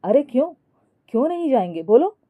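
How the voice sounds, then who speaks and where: A woman's voice: high-pitched, big pitch swings, a little fast, no room sound, narrow, tinny audio. A woman voicing a patient, easygoing young husband in a storybook. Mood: pleading.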